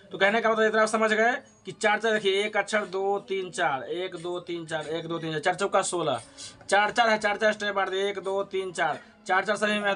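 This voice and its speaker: A high, bright male voice giving a step-by-step music lesson. He keeps asking his students a question and answering it himself. Now and then he slows down to sing note names. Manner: repeats key points as questions and answers them; sings note names slowly while explaining. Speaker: music teacher. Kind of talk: spoken harmonium lesson.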